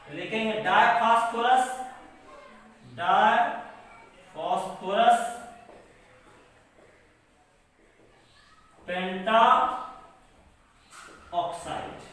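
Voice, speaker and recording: Chemistry teacher guy, high voice, sharp bright tone, echoey room, mic kinda far. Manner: slow, asks questions and answers them himself. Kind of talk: classroom lecture.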